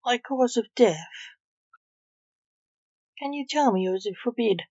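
A woman's voice: a little high, measured pace, a little mellow, dry recording, pitched above the performer's own voice. A frightened woman pleading for her life, voiced by the female reader. Her voice rises in alarm. The sound is dry and a little dull. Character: frightened young woman facing death.

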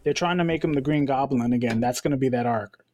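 A man's voice: medium pitch, fast talker, darkish tone, no echo. A man co-hosting a podcast, explaining comic storylines in a laid-back, casual way. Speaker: podcast co-host. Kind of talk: casual comic book chat.

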